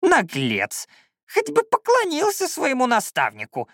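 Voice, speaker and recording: A man voicing a scrawny, cantankerous old male shaman who yells and scolds in a creaky voice, in an audiobook. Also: very high voice, wildly swooping pitch, unhurried, dry recording, studio quality, voice pushed up, full character voice. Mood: scolding. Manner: yelling, scolding. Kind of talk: audiobook character voice.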